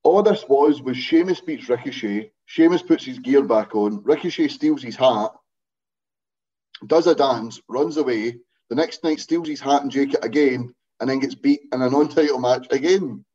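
A podcast co-host with a warm, medium-pitched voice recaps matches at a moderate pace in casual chat, his manner dry and wry. The sound comes from a dull, lo-fi podcast mic.

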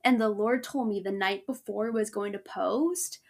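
A woman's voice: medium pitch, normal speed, gravelly. A young woman hosting a faith podcast, talking casually with lots of fillers, restarts and laughs. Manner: chatty, frequent fillers and restarts, laughs often. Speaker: podcast host.

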